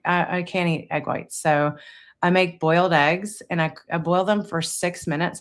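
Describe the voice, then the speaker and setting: A woman in her fifties chatting casually as a guest, rambling through her daily routine with lots of fillers. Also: fairly low pitch. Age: 50s. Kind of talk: casual chat. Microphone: streaming interview setup.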